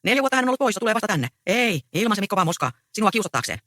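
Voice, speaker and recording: Brief: a reader doing a bustling farm wife who scolds, lively pitch, bright tone. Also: no echo, studio quality. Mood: scolding. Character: bustling peasant housewife, scolding.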